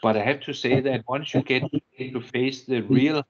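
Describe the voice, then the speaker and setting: An older man from Denmark with a Danish accent, giving a technical lecture in a measured, halting way, often restarting and repeating words. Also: medium pitch, steady tone, breathy edge, lo-fi sound. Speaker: guest lecturer. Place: university lecture room.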